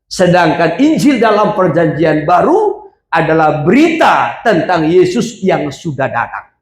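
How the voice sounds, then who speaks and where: High-voiced preaching man in an echoey hall. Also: big pitch swings, measured pace. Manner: preaching with call-and-response, rising to emphatic shouts. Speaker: pastor. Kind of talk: sermon with congregation reading verses.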